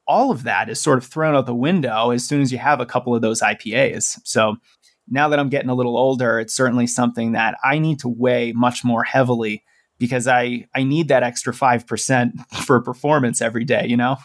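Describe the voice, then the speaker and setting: A man in his late thirties hosting a podcast, chatting in a relaxed, joking way with frequent fillers. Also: mid-range voice, brisk, no echo. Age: 30s. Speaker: podcast host. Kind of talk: casual podcast chat.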